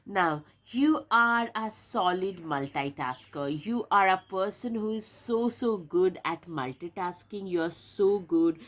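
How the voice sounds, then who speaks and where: A woman with a blocked, stuffy nose talks through a tarot reading in a loose, chatty way. She leans on fillers and says the same words twice. Her voice sits in an ordinary middle pitch. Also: a little slow, few pauses, fairly bright tone. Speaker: tarot reader. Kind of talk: casual tarot reading to camera.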